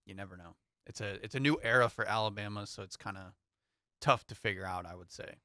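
A man's voice: lowish voice, fast talker, pushed and bright, no echo, studio quality. A young man co-hosting a casual sports talk show, easygoing and hedging his thoughts with fillers. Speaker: co-host.

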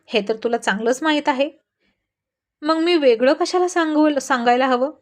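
A woman's voice: high voice, normal speed, close to an everyday voice. A woman voicing a confident, playful father who teases his family, read in a storytelling voice. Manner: playful, teasing. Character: confident teasing protective father.

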